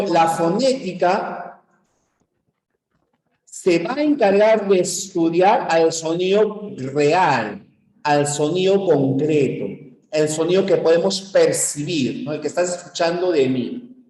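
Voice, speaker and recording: Peruvian guy teaching a prep class, kinda high voice, keeps asking "ya?" to check ppl follow, echoey room. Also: darkish tone. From Peru. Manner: explains step by step, asks the class questions to check they follow. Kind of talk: university-prep lecture.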